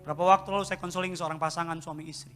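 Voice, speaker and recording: A man in his fifties preaching a sermon at a live church service, swinging between loud, impassioned outbursts and hushed, slow stretches. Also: on the high side, level tone. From Indonesia. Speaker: pastor. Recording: live church recording with long reverb and music behind.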